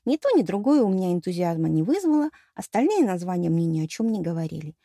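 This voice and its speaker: A woman's voice: fairly low pitch, sing-song, quick pace, mellow, dry recording, clean studio sound. A woman narrating a fantasy novel in the first person, with a wry, storytelling delivery. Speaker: audiobook narrator.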